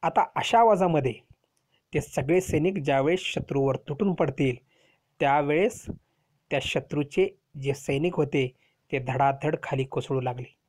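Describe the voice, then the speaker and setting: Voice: medium pitch, moderate pace, a little mellow. A teacher telling a history lesson to children, explaining step by step and asking rhetorical questions.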